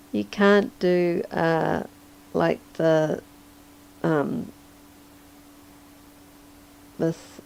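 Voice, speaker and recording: A woman chatting casually on a livestream while drawing, hoarse and sleepy, rambling and chuckling often. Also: on the low side, darkish tone. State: hoarse, losing her voice. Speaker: livestreaming digital artist.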